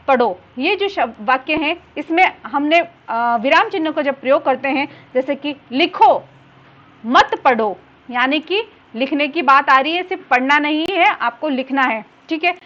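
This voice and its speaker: Female teacher, high pitch, patient explanatory delivery; muffled lo-fi recording. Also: a bit bright. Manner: explanatory, repeats and rephrases points. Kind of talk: grammar lesson.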